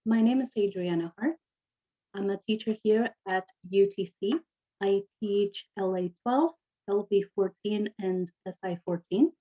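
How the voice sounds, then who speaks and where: A woman's voice: mid-range voice, measured pace, highs cut off. A woman in her forties from Argentina, a native Spanish speaker, giving a chatty class presentation as a teacher with many fillers and asides. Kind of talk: casual recorded class presentation.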